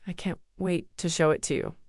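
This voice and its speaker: A woman voicing an excited, eager schoolboy proud of his robot in a storybook reading. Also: low voice, fairly quick, dry recording, studio quality. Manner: eager, upbeat.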